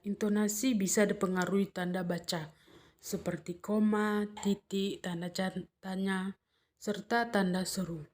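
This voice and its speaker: A young woman gives a lesson at an ordinary mid pitch, walking through each point in order. She sounds a little read-aloud and methodical, now and then stumbling over a word and starting it again. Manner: steady, methodical, with occasional slips and restarts. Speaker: teacher presenting a lesson. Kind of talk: explanatory lesson, partly read.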